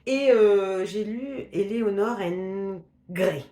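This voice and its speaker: A woman's voice: medium pitch, drawn-out words, mellow, reverberant. A woman casually reviewing the books she has read, talking in a chatty, hesitant way with many fillers, restarts and laughs. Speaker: book vlogger. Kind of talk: casual book review chat.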